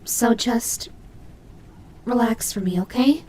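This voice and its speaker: A woman voicing a tsundere nightmare animatronic rabbit, gruff but protective, in an intimate, hesitant roleplay audio drama style. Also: a little high, slight background noise. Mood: gentle, reassuring. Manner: hesitant, halting, flustered tsundere softness.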